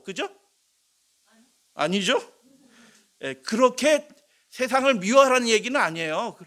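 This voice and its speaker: High-voiced preacher questioning his congregation. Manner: asks the congregation questions and answers them; shifts between soft low asides and loud emphatic lines. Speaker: pastor. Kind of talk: sermon.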